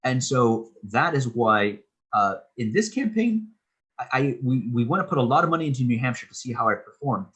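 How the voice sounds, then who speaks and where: A man's voice: medium pitch, lively intonation, moderate pace, fairly bright tone, breathy edge, rough recording. A man in his thirties, a political candidate being interviewed, explaining his views earnestly at length with frequent restarts. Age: 30s. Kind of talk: casual interview talk.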